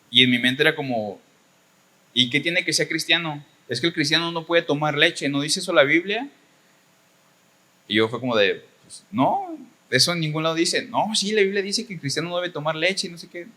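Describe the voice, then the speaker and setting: A young man leads a church Bible study. His voice is bright and of middle pitch. He tells stories and acts out the quoted exchanges in a loose, conversational way. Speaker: church teacher.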